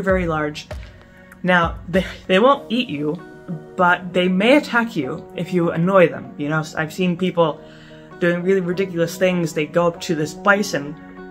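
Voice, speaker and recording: A young woman in her twenties giving casual camping advice to the camera at home, chatty, with lots of fillers and restarts. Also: lowish voice. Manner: chatty, gestures a lot, many fillers and restarts. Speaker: camping vlogger. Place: small indoor room at home.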